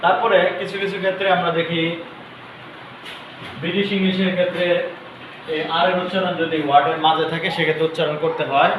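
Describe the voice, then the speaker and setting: A man giving an English lesson, explaining slowly and repeating example words. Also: a little high, flat delivery. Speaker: English teacher. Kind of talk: online lesson explaining to students. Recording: echoey room, mic far off, noise.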